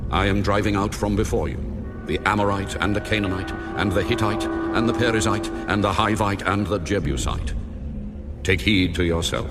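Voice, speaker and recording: An actor playing God as a solemn, commanding lawgiver in a dramatized audio Bible, declaiming with authority. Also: male voice, on the low side, lightly acted.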